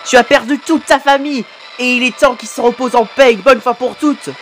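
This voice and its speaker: A woman hosting a reaction video, excitedly cheering, swearing at the screen and turning hushed when moved. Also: high-pitched, brisk, soft background music. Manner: turns hushed and emotional at sad moments. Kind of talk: live reaction commentary.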